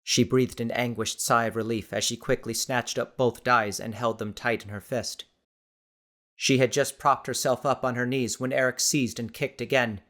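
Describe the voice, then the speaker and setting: A male audiobook narrator reading a suspenseful story. His delivery stays steady and measured throughout. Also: medium pitch. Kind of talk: scripted narration.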